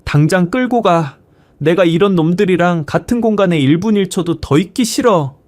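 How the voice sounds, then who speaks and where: A male narrator voices a furious elderly grandfather, a retired teacher, shouting and scolding in pure rage. His medium-pitched voice is expressive and lightly acted at a moderate pace. The sound is dry and close, with no echo or surroundings.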